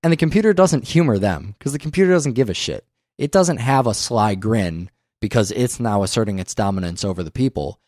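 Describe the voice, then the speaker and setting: A man co-hosting a casual film podcast, talking animatedly, swearing often and acting out scenes in quick voices. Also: on the low side, animated, darkish tone, dry recording, clean studio sound. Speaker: podcast co-host.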